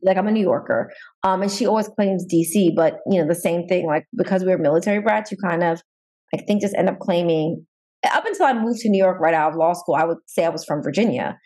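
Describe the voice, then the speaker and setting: Soft-spoken woman, relaxed and thoughtful. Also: lowish voice, fairly quick. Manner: relaxed, many ums, thoughtful. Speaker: guest, entertainment lawyer. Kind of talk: casual interview talk.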